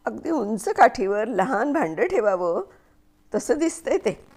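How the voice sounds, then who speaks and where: A woman voicing a sharp-tongued young wife who scolds loudly in a high voice. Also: big pitch swings, measured pace, exaggerated voice. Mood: nagging. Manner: high, loud and nagging.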